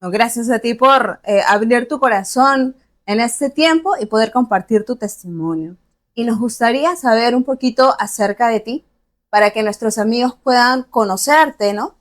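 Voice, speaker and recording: Higher-voiced woman hosting faith podcast. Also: moderate pace. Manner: warm welcoming, with affirming backchannels. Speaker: podcast host.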